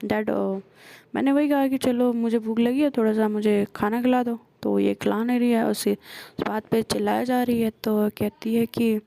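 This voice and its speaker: A woman casually retells a romance story, quoting the characters' dialogue with frequent hesitations. Her voice is on the high side and mellow, with vocal fry, fairly even intonation and a moderate pace, and there's no echo.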